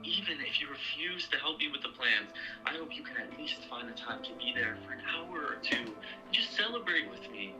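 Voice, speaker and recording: Actor as an exasperated, animated young son. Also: male voice, medium pitch, fairly quick, over music, natural voice, poor audio. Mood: frustrated. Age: 20s. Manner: emphatic, sarcastic edge. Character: exasperated grown son in his twenties, earnest, pleading. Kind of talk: naturalistic film drama dialogue.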